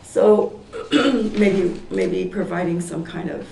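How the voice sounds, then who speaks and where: This is an applicant at a public meeting: a woman in her 60s from Portland, Oregon, whose voice is going as she clears her throat and rambles through her plans, correcting herself amid many fillers. She speaks slowly in a fairly low, creaky, warm voice. The indoor community room echoes, and the table mic some distance away leaves her distant, with faint noise.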